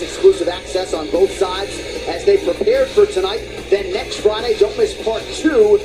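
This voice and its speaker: High-voiced male fight announcer over music. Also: rough recording. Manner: polished, emphatic announcer delivery. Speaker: sports broadcast announcer. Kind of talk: scripted broadcast promo narration. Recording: broadcast with loud music bed.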